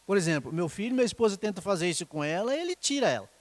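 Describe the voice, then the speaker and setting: A man's voice: high-pitched, very animated, very fast, no echo. A middle-aged man preaching a sermon in a conversational way, often checking in with the congregation. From Brazil. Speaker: pastor.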